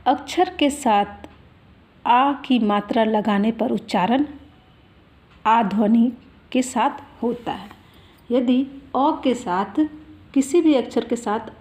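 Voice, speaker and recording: A woman's voice: a little high, slow pace, darkish tone. A woman teaching young children a language lesson, explaining patiently with many examples and drawing out vowel sounds to demonstrate them.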